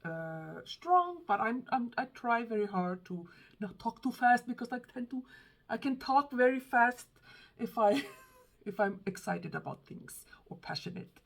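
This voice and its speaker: This Icelandic book vlogger addresses the camera casually in English, her accent clear, her voice fairly high, expressive, unhurried and creaky. She sounds thoughtful yet hesitant, with many ums and false starts as she hunts for the right words.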